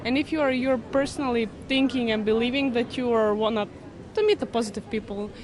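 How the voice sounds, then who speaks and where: A woman interviewed on the street, giving her opinion in halting, earnest English full of fillers. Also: on the high side, darkish tone. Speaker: passer-by interviewee.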